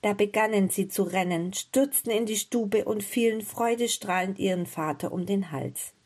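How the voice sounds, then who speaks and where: Breathy woman reading a fairy tale. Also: medium pitch, moderate pace, darkish tone. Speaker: storyteller.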